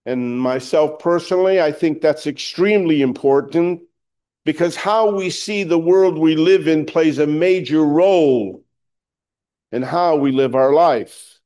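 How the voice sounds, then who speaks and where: A male pastor preaching a sermon with a scratchy voice, clearing his throat often and speaking in a slow, deliberate way. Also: a little high, darkish tone.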